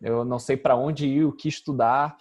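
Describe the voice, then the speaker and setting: Relaxed man in his thirties. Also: mid-range voice, moderate pace, highs cut off. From Rio de Janeiro, Brazil. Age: 30s. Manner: relaxed, thinking aloud with fillers. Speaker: guest, UX designer. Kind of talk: casual interview talk.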